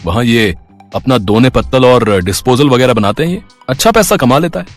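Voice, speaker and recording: A man's voice: medium pitch, animated, fairly quick, faint music behind, close to an everyday voice. A man playing a jovial, teasing father. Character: middle-aged father, easygoing and teasing.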